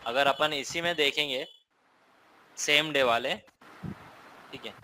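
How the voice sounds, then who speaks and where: Bright-voiced Indian man teaching trading. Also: mid-range voice, takes it slowly, slight background noise, rough recording. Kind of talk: live class explanation over a chart.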